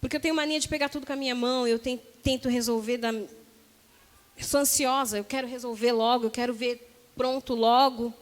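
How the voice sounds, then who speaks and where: A Brazilian woman with a high voice preaches a sermon, telling the story with lively energy and slipping into the voices of its people. Her words ring out with the long reverb of a church hall. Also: a little fast. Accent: Brazilian Portuguese.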